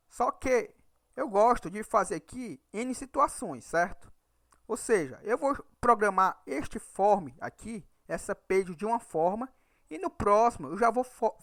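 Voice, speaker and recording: A man from Ceará with a northeastern Brazilian accent teaches Excel VBA in a screen-recorded programming tutorial, checking in with "right?" after nearly every point. His voice is high-pitched and fairly bright. The recording is studio quality with no echo.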